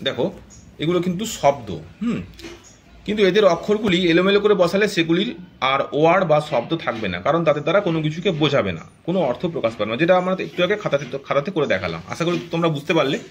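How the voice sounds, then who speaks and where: Man teaching grammar, native Bengali speaker, quick delivery, fairly high voice, step-by-step explanations. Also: lively intonation. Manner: explains step by step, often checks "all right?". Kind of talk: classroom grammar lesson.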